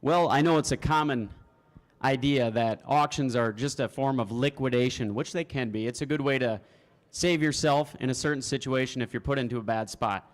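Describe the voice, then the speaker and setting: A man's voice: mid-range voice, normal speed. A man, an auctioneer contestant, giving spoken interview answers to a room. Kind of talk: spoken interview answers before a live audience.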